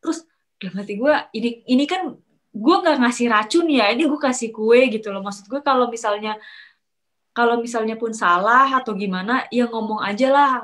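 A young woman casually telling a personal story, chatty and animated, acting out what others said. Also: fairly high pitch, brisk. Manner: animated, acts out quoted coworkers with sharp rises; chatty, many fillers and restarts, slangy. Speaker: storyteller sharing a work experience. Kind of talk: casual chat, confiding story.

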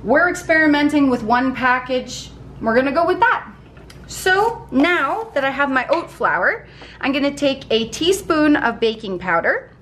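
A woman's voice: high-pitched, expressive, a little slow, a bit bright, slight background noise. A woman in her thirties chatting upbeat to viewers as she preps food in her home kitchen, camera held at arm's length. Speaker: vlogger showing meal prep. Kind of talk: casual cooking vlog talk. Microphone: handheld camera at arm's length.

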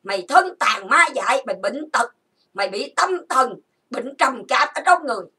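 A high-voiced woman rants in anger, hurling accusations and stacking grievance after grievance. Her tone is bright and sharp with a husky edge. She sits some way off from the mic. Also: lively intonation, moderate pace, recorded from a distance. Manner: accusatory, insulting, repetitive listing. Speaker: channel host. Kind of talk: angry ranting monologue.

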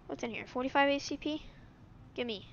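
Giggly high-voiced young woman gamer. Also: highs cut off. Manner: excitable, giggly, quick to yelp. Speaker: gaming video co-host. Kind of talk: casual gaming chat.

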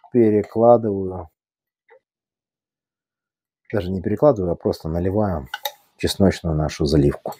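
Male cooking host, Odesa Russian accent with Yiddish flavor, very dark mellow tone, close dry sound, folksy and casual. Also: on the low side, slightly rough, no room sound. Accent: Odesa Russian, Yiddish-tinged. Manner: folksy, repetitive, fond of affectionate diminutives.

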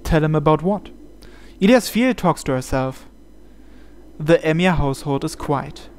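A man reads a visual novel aloud as dramatic, scripted narration, his voice a little high, clean in tone and unhurried. It's an indoor voice-over laid over a game playthrough, with game music playing behind him.

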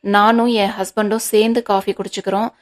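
A woman's voice: medium pitch, level tone, a little fast, close to an everyday voice. A woman reading the part of an angry, stubborn young wife in a storybook, speaking sharply and indignantly.

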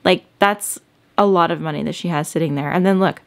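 A woman's voice: on the low side, brisk, creaky. A young adult woman chatting casually as she vlogs about organizing her home, rambling with lots of filler words. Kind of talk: casual chat. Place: at home, indoors.

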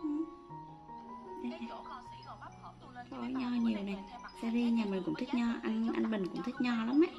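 A woman's voice: fairly high pitch, unhurried, vocal fry, long pauses, dull audio. A woman filming her pets, coaxing and affectionate, talking to them like small children. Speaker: pet owner filming her monkeys. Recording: echoey room with faint music.

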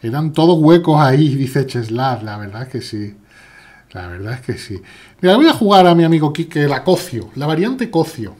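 Very animated and on the high side yet a little mellow, this chess streamer with a Spain Spanish accent talks at normal speed, chatting playfully in live commentary and reading viewers' chat aloud as he plays.

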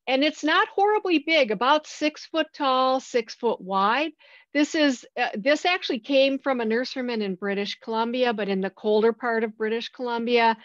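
A woman's voice: on the high side, no echo. A woman from a plant nursery giving a friendly, enthusiastic slide talk to a garden club. She describes plants with frequent fillers and restarts. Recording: dull, dry lo-fi recording.

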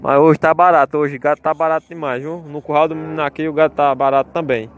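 Walking through the outdoor cattle pens of a market, a man records on his phone and chats casually to his viewers, repeating his call-outs to them over crowd chatter. His voice is on the high side with a level tone and a quick pace, and the recording is muffled with slight background noise.

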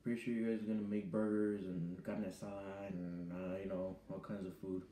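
Teenage boy, casual vlog, rambling, hesitant, very dark mellow tone, phone mic, echoey room. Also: low voice, flat delivery, a little fast. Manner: rambling, hesitant with many ums. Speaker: vlogger. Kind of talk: casual chat to camera. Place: small bedroom indoors. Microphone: webcam or phone at arm's length.

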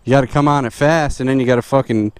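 A man's voice: medium pitch, steady tone, fast, darkish tone, clean tone. A man vlogging on a motorbike ride outdoors, talking in a blunt, teasing way with lots of swearing, recorded on a helmet camera. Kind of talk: casual outdoor chat. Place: outdoors in woods and open lots.

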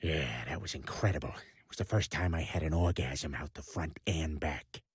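An actor playing a crude cartoon husband who has suddenly got an extremely deep, rumbling voice. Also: male voice, moderate pace, slightly rough, no room sound, clean studio sound, full character voice. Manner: crude, blunt. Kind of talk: cartoon voice acting.

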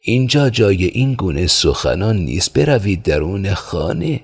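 A man putting on a higher old innkeeper voice. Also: big pitch swings, gravelly, breathy edge, heavily acted. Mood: bustling. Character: kindly old male caravanserai keeper.

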